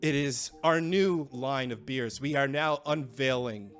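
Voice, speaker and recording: A man's voice: medium pitch, fairly bright tone, soft background music, close to an everyday voice. A man playing an eager, nervous young student brewer who stammers and halts. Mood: showman. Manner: stammering, halting.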